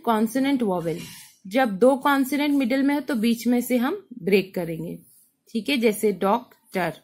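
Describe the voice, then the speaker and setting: Woman explaining syllable rules, spells words letter by letter, keeps asking "okay?". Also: mid-range voice. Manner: mixes English terms into Hindi. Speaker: teacher. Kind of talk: phonics lesson for parents.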